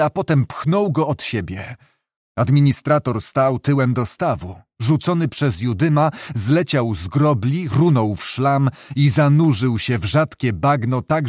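Measured male audiobook narrator. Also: medium pitch, breathy edge, no echo, clean studio sound. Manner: measured, even reading. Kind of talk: scripted literary narration.

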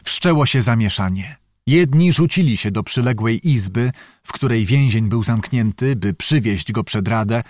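A man reading a historical novel aloud as an audiobook narrator, in a measured, dramatic storytelling manner. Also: medium pitch, lively intonation, darkish tone, a little hiss or hum.

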